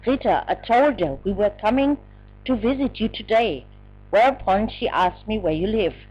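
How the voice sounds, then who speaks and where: A placating woman friend, voiced by a female narrator, insists she is telling the truth. Her speech is lively in pitch, and the recording sounds muffled and lo-fi. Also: moderate pace, natural voice. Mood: pleading. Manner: laughing, then earnestly pleading.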